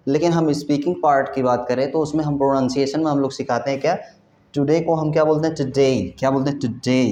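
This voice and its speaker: A man's voice: on the high side, mellow, a little hiss or hum. A man teaching English grammar in a classroom lecture, drilling students with repeated questions. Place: classroom with a board. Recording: roomy, dull classroom recording.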